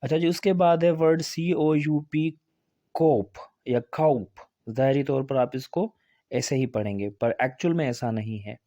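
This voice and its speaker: A man's voice: on the high side, moderate pace, mellow, no room sound, clean studio sound. A man teaching English pronunciation in a video lesson, spelling out words and repeating each one.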